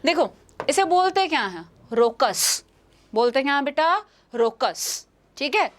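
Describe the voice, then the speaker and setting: A woman's voice: high-pitched, sing-song, a little slow. A young woman with an Indian accent giving a live English exam-prep lesson, repeating each question and answer and calling her students "beta". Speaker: English teacher.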